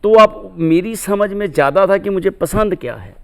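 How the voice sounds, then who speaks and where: A man's voice: high voice, animated, moderate pace, vocal fry. A middle-aged man, a cartoonist guest, talking in a reflective interview with lofty, philosophical phrasing and recited couplets.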